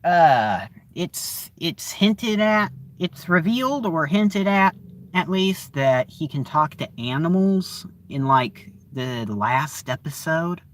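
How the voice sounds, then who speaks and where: A man casually reviews a TV series in a slow, unhurried delivery. His pitch moves a lot, and he keeps pausing and restarting with lots of fillers as he searches for the right words. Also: very animated, slight background noise.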